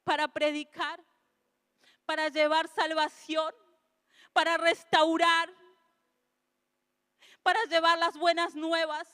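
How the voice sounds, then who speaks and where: A woman pastor preaches in a very high voice, her words ringing out in a long hall reverb. She talks earnestly and swells into fervent, emotional calls. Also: little pitch movement, slow, pauses often, bright, forceful tone. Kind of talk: sermon.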